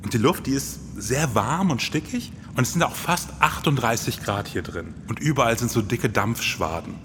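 This man in his forties co-hosts a scripted, performative podcast, speaking in an enthusiastic, colloquial way. His voice is medium-pitched and animated at a normal pace, with a noisy background, long reverb and music underneath.

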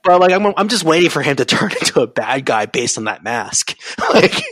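A man chatting casually on a gaming podcast, animated and rambling, laughing often. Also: fairly high pitch, moderate pace, dry recording.

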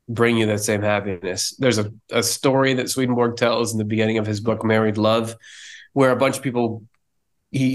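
A man co-hosting a podcast, explaining religious ideas in an earnest, conversational way with frequent restarts. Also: medium pitch. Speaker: podcast co-host. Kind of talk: casual theological discussion.

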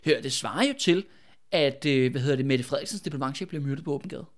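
A man hosting a history podcast, telling the story in a casual, animated way with plenty of fillers and tag questions. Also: medium pitch. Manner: animated, many fillers and "ikke?" tags.

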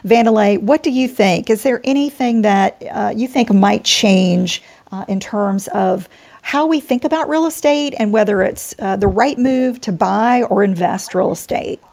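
A woman moderating a panel discussion, speaking in a measured, explanatory way. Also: medium pitch, darkish tone. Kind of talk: panel discussion on personal finance.

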